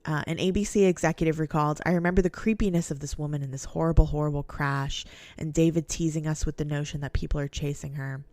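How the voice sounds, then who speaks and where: Woman podcast co-host, very low voice, dry close recording, reads notes then chats loosely. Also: fairly even intonation, fast talker, few pauses, mellow, dry recording. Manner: reads passages aloud then chats loosely with fillers and swearing. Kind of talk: casual podcast chat and reading notes.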